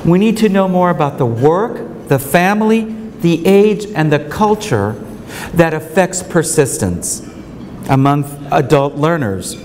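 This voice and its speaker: Keynote speaker, middle-aged man, slightly higher voice, earnest and deliberate; podium mic, big echoing ballroom. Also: animated, a little mellow. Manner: earnest, emphatic, repeats key points. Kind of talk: conference keynote lecture. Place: large hotel ballroom with seated audience. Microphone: podium microphone. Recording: reverberant hall, faint room noise.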